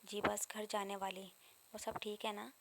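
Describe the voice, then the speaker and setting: A worried young college girl firing off anxious questions, read by a woman narrator. Her voice is flat and level in pitch. It sounds like a plain storybook reading. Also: creaky, very noisy, lightly acted.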